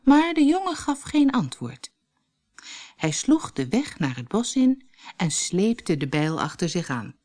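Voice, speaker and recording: Slow, expressive woman reading a fairy tale. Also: medium pitch. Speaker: storyteller. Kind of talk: fairy tale audiobook narration.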